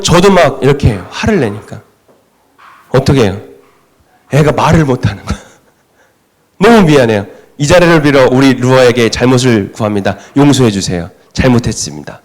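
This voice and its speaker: A man's voice: medium pitch, lively intonation, normal speed, pauses often. A middle-aged man preaching a sermon in a church, asking the congregation questions and answering them himself. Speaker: pastor. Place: church sanctuary.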